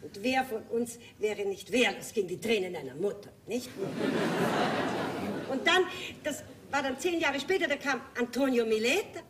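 A woman's voice: a little high, lively intonation, normal speed, a crowd in the background, natural voice. An actress playing a theatrical aging society lady. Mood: wistful. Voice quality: theatrical, affected, laughing asides. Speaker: Lady Kitty. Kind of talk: 1980s stage play recording. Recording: distant stage mic with faint room noise.

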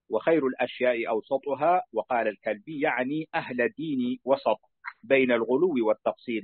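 A man reading a classical commentary aloud to his teacher, at a steady pace, going back over phrases to correct his slips. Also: medium pitch, breathy edge, dry recording. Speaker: student reading a book aloud to a sheikh. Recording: tinny phone-like dry recording.

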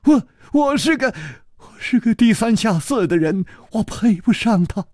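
A man's voice: high-pitched, expressive, a little slow, a little mellow, no room sound, clean studio sound, pitched above the performer's own voice. A male storyteller voicing a timid young male servant who stammers and pleads tearfully. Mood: tearful, stammering. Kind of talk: storytelling with character voices.

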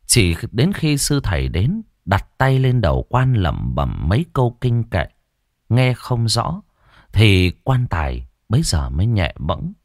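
A man's voice: on the low side, wildly swooping pitch, measured pace, darkish tone, no room sound, clean studio sound. A man narrating a scripted ghost story with dramatic, heavily inflected delivery.

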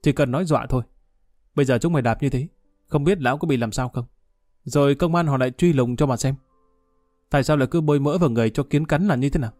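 A man's voice: medium pitch, quick pace, a little mellow, no echo, clean studio sound, soft background music, lightly acted. A man playing a brutal, hot-tempered male gang boss who snarls and scolds. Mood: furious.

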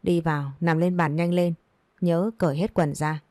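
A woman's voice: fairly low pitch, fairly even intonation, normal speed, a little mellow, dry recording, close to an everyday voice. A woman reading a story, voicing a blunt middle-aged female doctor who scolds coarsely and with contempt. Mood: scornful.

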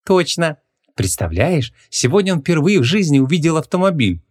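A man voicing a brisk young policewoman in an audiobook, hesitant when covering up. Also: on the high side, big pitch swings, darkish tone, no room sound, clean studio sound, voice pushed up. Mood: evasive.

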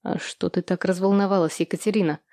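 A cool, sarcastic woman who needles others in an even voice, read by a woman narrator. Her tone stays level and dry. The recording is close, with no room sound. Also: medium pitch, normal speed, no room sound, lightly acted. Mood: calm. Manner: calm, sarcastic. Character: calm, mocking woman, ex-wife, sharp-tongued.

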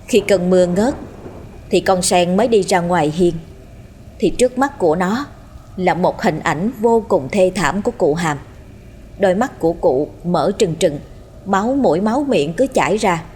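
A woman storyteller reading a scripted horror story in a steady, dramatic way. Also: lowish voice, moderate pace, slight background noise. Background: faint music.

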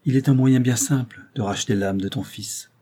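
A man's voice: mid-range voice, moderate pace, warm tone, natural voice. A man reading the part of a sly, smug male devil striking a bargain, in a cool mocking manner, in an audiobook.

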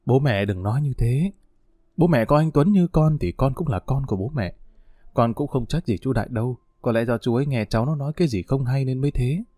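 A man's voice: mid-range voice, mellow, no room sound, studio quality, natural voice. A man voicing a scheming stepmother who pleads in a self-pitying tone. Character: scheming tearful stepmother, a young wife.

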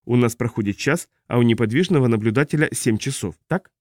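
A man voicing a smug, self-satisfied man who calmly works through a calculating plan. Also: mid-range voice, fast, no echo, studio quality, close to an everyday voice. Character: smug, scheming man in charge.

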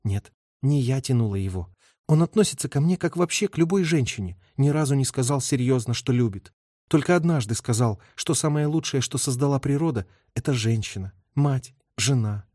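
A man's voice: medium pitch, expressive, moderate pace, dark tone, no room sound, studio quality, voice pushed up, lightly acted. A man voicing a young woman, a wartime army nurse, who speaks in a bitter, stubborn, reproachful way. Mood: anguished.

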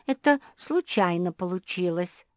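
A woman's voice: on the low side, expressive, unhurried, no room sound, studio quality. A woman voicing an impulsive, boastful little girl pug who speaks eagerly. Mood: mumbling excuse. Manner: eager, bragging.

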